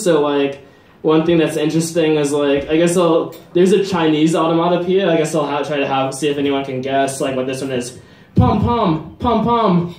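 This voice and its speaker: Halting deadpan stand-up man in roomy venue. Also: a little high. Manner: halting, many "like" and "um" fillers, deadpan. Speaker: stand-up comedian. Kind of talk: stand-up comedy set. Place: comedy venue. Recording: roomy live venue echo, faint ambience.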